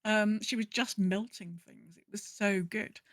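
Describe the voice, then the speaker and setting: A woman co-hosting a podcast chats casually about gaming, rambling in an animated way and acting out her own thoughts. Her voice is mid-range and a little slow, with no room sound.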